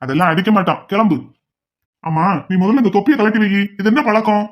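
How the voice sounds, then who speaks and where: A woman's voice: mid-range voice, brisk, close to an everyday voice. A woman voicing a stern father who scolds his little son in a cartoon. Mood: scolding.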